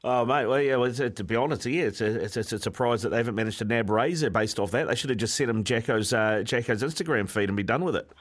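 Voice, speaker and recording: A man's voice: mid-range voice, fast talker, few pauses. A man co-hosting casual sports banter in a colloquial, joking, matey manner.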